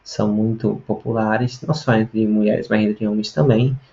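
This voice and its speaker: A man's voice: fairly low pitch, steady tone, normal speed, creaky, mellow, dull audio. A man teaching a video lesson, explaining step by step and often checking in with tag questions. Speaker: language teacher.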